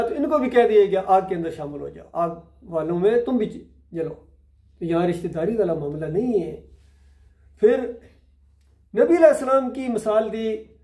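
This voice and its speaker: Male preacher, emphatic storyteller, high pitch, mellow tone. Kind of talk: Quran lesson sermon. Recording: echoey room.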